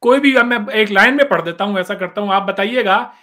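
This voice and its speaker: A man hosting a talk show, speaking in an unhurried, casual way and reading out words one by one. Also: high voice, sharp tone. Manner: unhurried, reads word lists aloud. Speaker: host. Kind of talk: casual chat.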